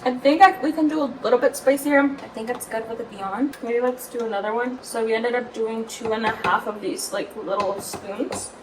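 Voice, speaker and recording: High-voiced chatty woman vlogger. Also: normal speed, hardly any pauses, background noise. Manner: chatty, fillers of "like", drops in Spanish words. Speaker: lifestyle vlogger. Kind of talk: casual cooking vlog chat. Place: home kitchen.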